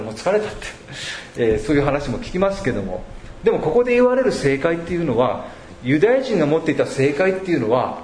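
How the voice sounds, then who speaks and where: A pastor's sermon in a man's somewhat high voice that rises and falls a great deal as he speaks. He talks in a measured, reflective way, pausing often between thoughts, and the room around him rings with echo. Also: a little mellow, slight background noise. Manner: measured, reflective preaching with frequent pauses. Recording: echoey room.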